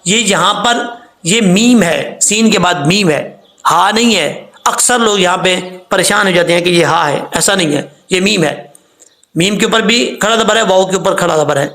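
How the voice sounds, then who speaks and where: High-voiced man teaching Quran pronunciation. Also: pushed and bright, echoey room. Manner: explains rules patiently, then chants words slowly to model them.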